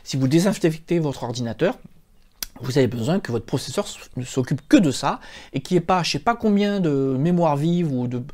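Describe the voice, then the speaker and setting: French guy doing a pc how-to, mellow voice that jumps up and down a lot, lots of euh and hop. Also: fairly high pitch, lively intonation, a little fast. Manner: chatty, explains step by step with many fillers and "hop". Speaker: computer help tutorial host. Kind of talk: screen-recorded software tutorial.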